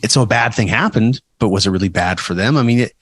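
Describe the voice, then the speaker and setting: A man's voice: fairly low pitch, fast, a bit bright, no echo. Male podcast co-host, rambling and teasing, dry close mic. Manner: rambling, many restarts and fillers, teasing. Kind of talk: casual podcast chat.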